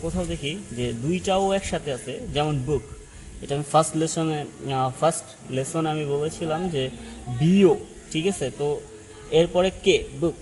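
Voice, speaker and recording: A man's voice: a little high, normal speed, darkish tone, poor audio. A man teaching an English pronunciation lesson, explaining step by step and often checking in with "right?". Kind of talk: spoken language lesson.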